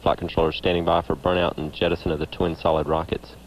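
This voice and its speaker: A man reporting as a mission control commentator in a measured, factual way. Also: deep voice, little pitch movement. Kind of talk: flight commentary. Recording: faintly noisy mission control feed.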